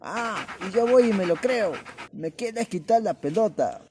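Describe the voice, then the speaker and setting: A man's voice: high voice, lively intonation, unhurried, noisy background. A man voicing a dim-witted, fretful dog in a children's audio story, whiny and easily startled.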